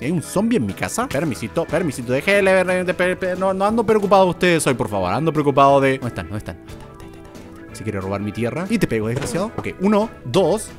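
Excitable man narrating his game. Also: medium pitch. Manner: excitable, talks to mobs, swings between mutters and outbursts. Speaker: gaming YouTuber. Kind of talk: Minecraft let's play commentary.

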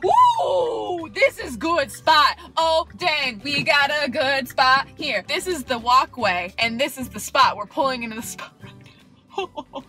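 A woman in her twenties chatting casually and playfully to camera as a vlogger, animated and exclamatory, recorded inside a car. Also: high voice. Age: 20s. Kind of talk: casual solo vlog chat.

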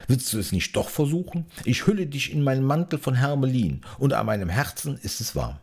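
A man voicing a mighty storm king in a fairy-tale audiobook, calling out loudly and ardently. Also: medium pitch, very animated, brisk, gravelly, husky, pitched above the performer's own voice, heavily acted. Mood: ardent, pleading. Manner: calls out loudly.

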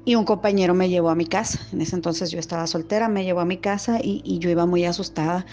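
A woman's voice: lowish voice, fairly even intonation, quick pace, warm tone, soft background music. A woman telling her own scary experience casually, rambling and circling back as she talks. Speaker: follower telling her own ghost story. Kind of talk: casual spoken storytelling. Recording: lo-fi voice message.

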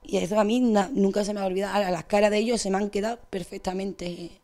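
A young woman with an Andalusian accent, giving a distressed, rushed account as an interviewee. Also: mid-range voice, steady tone, darkish tone. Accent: Andalusian Spanish. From Spain. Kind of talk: emotional testimony.

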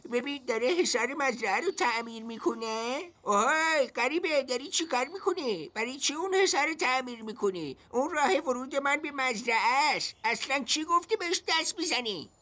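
A woman voicing a sly, scheming cartoon fox who talks in a smooth, flattering way. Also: high voice, hardly any pauses. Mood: suspicious. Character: sly scheming fox, lonely forest trickster. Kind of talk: cartoon voice acting.

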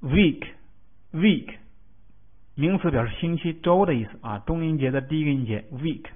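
A man's voice: fairly high pitch, expressive, fast. A male English vocabulary teacher in a recorded lesson. He explains word roots step by step, spells out letters and often asks a checking question. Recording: tinny phone-like lo-fi sound.

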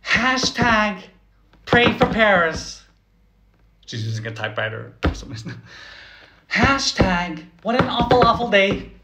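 A man putting on the voice of a young woman posting sentimental messages online, in a shrill sing-song way. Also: very animated, measured pace, long pauses, background noise. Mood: gushing.

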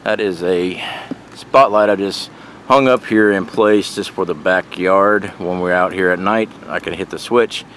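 A man's voice: low-pitched, unhurried, fairly bright tone. A middle-aged man narrating a casual handheld walkthrough in a plain-spoken, folksy way, talking to viewers as guys. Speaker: vlogger giving a trailer tour. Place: outdoors around and inside a small trailer. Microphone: handheld camera or phone mic. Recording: noisy camera audio, outdoor and fan hum.

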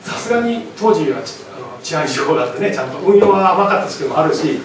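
A man giving a public history lecture in an animated, chatty way, keeping the audience with him through constant tag questions. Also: fairly high pitch, fast talker. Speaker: lecturer and author. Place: lecture hall. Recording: very echoey hall, far from mic, faint noise.

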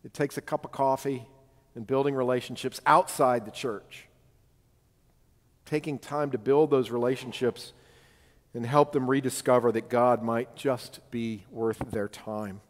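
A man's voice: medium pitch, fairly even intonation, a little slow. A male pastor giving a sermon in a conversational, personal way, often asking his congregation "right?". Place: church sanctuary. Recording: long church hall reverb.

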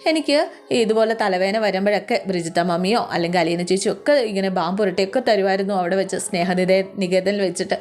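A woman's voice: medium pitch, fast talker, a little mellow, natural voice. A woman doing a tearful young girl.

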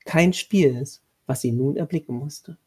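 A man reading his own horror short story aloud in a measured way, with a husky voice and occasional restarts. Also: a little high, darkish tone.

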